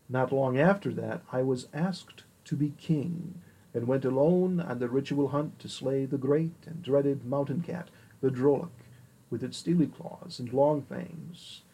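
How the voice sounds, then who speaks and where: A man voicing a repentant male king who speaks in a measured, confessional way in an audiobook reading. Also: medium pitch, dark tone, slightly rough, low-quality recording. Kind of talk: audiobook character voice.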